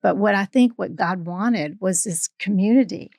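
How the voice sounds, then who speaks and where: Creaky-voiced woman telling a story. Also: medium pitch, moderate pace, darkish tone, dry recording, studio quality. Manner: chatty, fills with "um" and "you know". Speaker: guest, farm founder. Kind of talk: casual storytelling.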